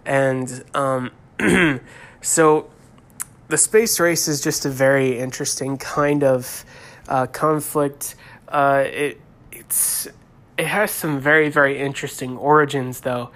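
A young man in his twenties, a student hosting a casual solo podcast, sounding stuffy from a sinus infection and talking haltingly with many fillers. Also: mid-range voice, steady tone, a bit bright. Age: 20s.

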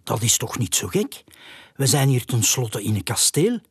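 A storyteller voicing a calm, level-headed little owl with a breathy, matter-of-fact voice in a storybook. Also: medium pitch, normal speed, no echo, clean studio sound. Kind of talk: storybook character voice.

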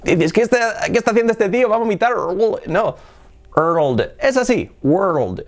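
A man teaching English pronunciation in an animated, playful way, exaggerating his demonstrations. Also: high-pitched, moderate pace. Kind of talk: energetic online English lesson.

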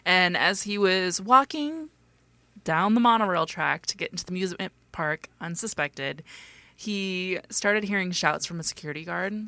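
A woman telling a story on a casual podcast, laughing often as she goes. Her voice sits low and gravelly, with a bright, forward edge. The recording is dry and close. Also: lively intonation, normal speed, dry recording. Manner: laughs often while narrating.

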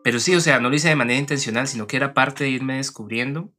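A man's voice: mid-range voice, fairly even intonation, fast, pushed and bright, faint music behind. A young man with a Costa Rican accent chatting casually as a podcast co-host, dropping English words into his Spanish. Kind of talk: casual personal conversation.

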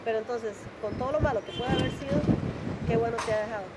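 A woman's voice: a little high, steady tone, fast, crowd noise. A woman interviewing a guest, asking short prompting questions.

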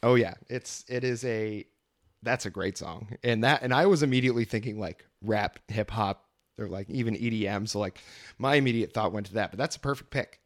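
Low-voiced, relaxed male podcast co-host. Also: fairly quick. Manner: relaxed, many ums and hedging fillers. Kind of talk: casual chat.

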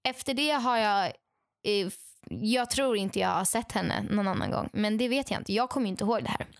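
A young adult woman casually telling stories to a friend, lively and acting out what others said, with many fillers. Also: medium pitch, no echo, clean studio sound. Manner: animated, acts out quoted dialogue; frequent fillers and restarts. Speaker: podcast co-host telling stories. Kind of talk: casual storytelling chat.

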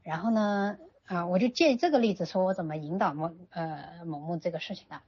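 A woman with a low, husky voice tells a parenting story at a brisk clip. She slips in quoted dialogue and restarts her sentences as she goes. The audio is dull and lo-fi. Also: a little mellow. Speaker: parent sharing parenting advice. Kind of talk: casual storytelling. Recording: dull lo-fi recording.

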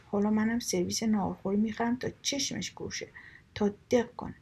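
A snobbish rich lady, as a woman storyteller puts her on, high and shrill, snapping with jealous scorn. The voice stays husky and breathy, with a dark, gravelly edge. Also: fairly even intonation. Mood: envious.

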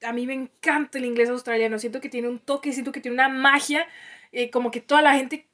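A woman's voice: high-pitched, fairly even intonation, fairly quick, fairly bright tone. A young woman with a Mexican accent co-hosting a casual podcast, chatty and laughing often. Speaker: podcast co-host.

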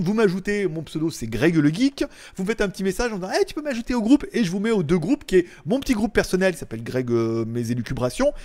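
A man's voice: fairly high pitch, darkish tone. Chatty man in his forties. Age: 40s. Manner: rambling, chatty, joking, with frequent fillers. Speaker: live stream host. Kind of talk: casual live chat reading viewer comments.

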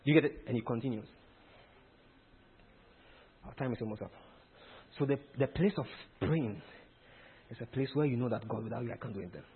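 A man's voice: mid-range voice, a little fast, pauses often, a little hiss or hum. A man preaching a teaching sermon, emphatic and quizzing his listeners with questions. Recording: tinny phone-like sound.

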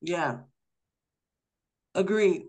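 A podcast co-host talking casually about a film, emphatic and quick to agree. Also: mid-range voice, animated, a little mellow. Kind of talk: casual film review chat.

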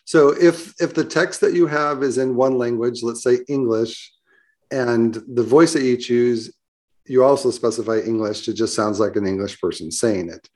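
A man's voice: medium pitch, normal speed, a little mellow. A man co-hosting a casual tech podcast, checking his understanding by restating ideas in his own words. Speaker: co-host.

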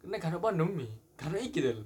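A man's voice: high-pitched, expressive, rapid-fire, darkish tone, slightly rough. A young man, hosting a casual podcast chat in a teasing way. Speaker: podcast host.

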